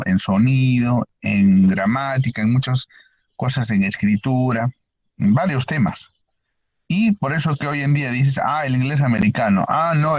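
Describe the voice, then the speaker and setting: A man's voice: medium pitch, no echo. Brief: male teacher giving an online lecture, explaining patiently and quizzing the class, with muffled lo-fi audio. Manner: explanatory, asks the class frequent questions.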